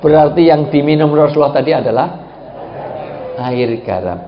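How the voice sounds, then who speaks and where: A male preacher, giving an animated, joking sermon and acting out voices. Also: fairly high pitch, normal speed, background noise. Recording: echoey, dull hall recording.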